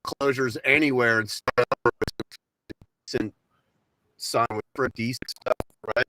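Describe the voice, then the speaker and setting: A man's voice: mid-range voice, fairly even intonation, a little slow, pushed and bright, faint music behind, rough recording. A man calling into a talk show, his words garbled and dropping as the connection breaks up. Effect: connection breaking up, audio cutting out. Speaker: caller. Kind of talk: casual call-in chat.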